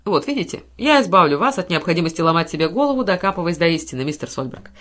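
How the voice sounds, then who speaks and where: A woman voicing a cold, calm, menacing male banker who speaks with icy mockery. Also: on the low side, fast talker.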